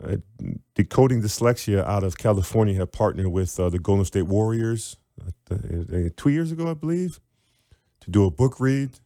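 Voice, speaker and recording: Low, mellow-voiced male reading teacher. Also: normal speed, no echo, clean studio sound. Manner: animated, demonstrates sounds aloud. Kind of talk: interview guest explaining.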